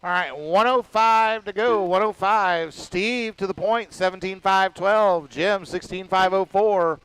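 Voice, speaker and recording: A man announcing a radio-controlled car race, rattling off lap counts and times in a casual, quick-fire way. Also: high-pitched, a bit bright, clean tone, rough recording. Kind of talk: live race commentary.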